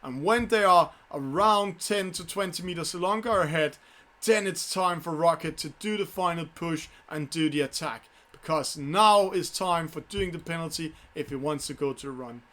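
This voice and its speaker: High-voiced man calling a sailing race. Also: pushed and bright. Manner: halting, self-correcting phrasing. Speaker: esports sailing race commentator and host. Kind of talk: live race commentary. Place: studio.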